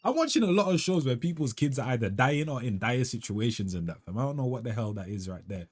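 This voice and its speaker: This young man hosts music reactions, chatting casually and musing aloud in heavy slang, tagging his lines with "fam" and "bro." His medium-pitched voice is expressive, and he talks fast.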